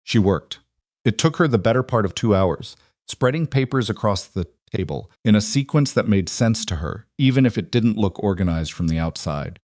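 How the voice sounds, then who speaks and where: Guy narrating a western, real deep voice, dry close sound. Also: no room sound. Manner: measured, even storytelling. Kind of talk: scripted audiobook narration.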